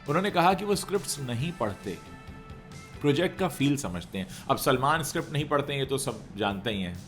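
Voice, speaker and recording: A man giving conversational entertainment news commentary, talking straight to viewers with rhetorical questions. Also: medium pitch.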